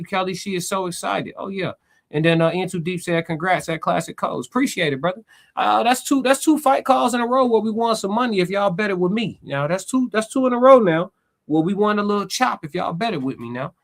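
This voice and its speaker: An American man giving excited, emphatic fight commentary and casual stream chat, repeating phrases and swearing freely. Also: high voice.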